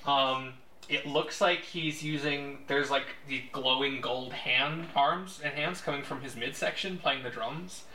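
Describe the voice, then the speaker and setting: A man narrates a tabletop game off the cuff. His delivery is slow, halting and informal, with a bright voice slightly far from the mic in an echoey room. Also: mid-range voice. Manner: halting, sweary. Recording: echoey room, distant mic, faint noise.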